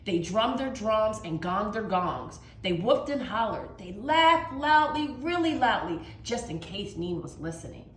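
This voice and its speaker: A woman with a mid-range, sing-song voice reads a children's storybook aloud as a teacher would. Her delivery is dramatic and emphatic, with drawn-out words for effect. The room has a roomy echo and faint background noise.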